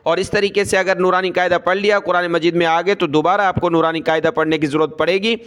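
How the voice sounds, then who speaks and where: A man teaching Quranic letter pronunciation, drilling syllables slowly and explaining quickly between them in a patient, corrective way. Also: sits high, steady tone, a bit bright, smooth. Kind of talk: recorded recitation lesson.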